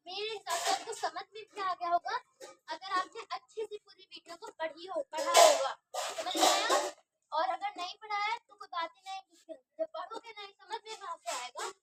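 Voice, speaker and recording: In an online grammar lesson, a woman teacher with an extremely high-pitched voice asks questions, answers them herself, and frequently checks the class's understanding. She is repetitive and restarts words while explaining, and heavy background noise fills the clip.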